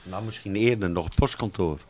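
A man's voice: deep voice, a little fast, darkish tone, a little hiss or hum. A man co-hosting a local radio show, interjecting with short affirmations and follow-up questions. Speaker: radio co-host. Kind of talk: casual radio talk.

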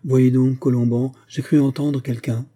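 A man reading the lines of an anxious middle-aged mother who hurries to end a tense scene, in a husky voice. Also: mid-range voice, little pitch movement, a little slow, dark tone, voice pushed up, natural voice.

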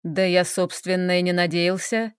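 A woman's voice: fairly even intonation, clear, resonant tone, dry recording, clean studio sound, close to an everyday voice. Woman doing a cocky young dragon man. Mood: cool. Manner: low, slow, unbothered drawl. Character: young male dragon lord, calm and cocky.

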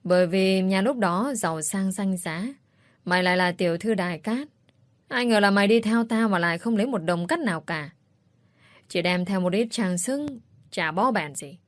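A woman's voice: medium pitch, moderate pace, no room sound, natural voice. A woman voicing a brutal, drunken older father who sneers and bellows abuse. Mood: sneering. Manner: abusive, sneering, shouting.

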